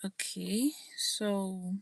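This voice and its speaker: A woman's voice: medium pitch, steady tone, drawn-out words, gravelly, no echo. A woman hosting her own live stream, chatting casually and telling a story with occasional laughs about parenting. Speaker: channel host.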